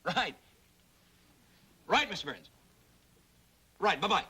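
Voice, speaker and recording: Frazzled young reporter, lively high voice, stammers when he's flustered, old sitcom style. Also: slightly rough, exaggerated voice. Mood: exasperated. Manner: exasperated, fast, stammering. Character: harried young male reporter, put-upon nephew. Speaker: newspaper reporter. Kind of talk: 1960s sitcom acting.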